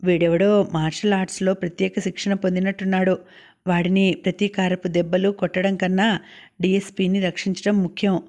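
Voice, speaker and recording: A woman narrating a novel as an audiobook reader, in steady, even storytelling. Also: medium pitch, brisk. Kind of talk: scripted narration.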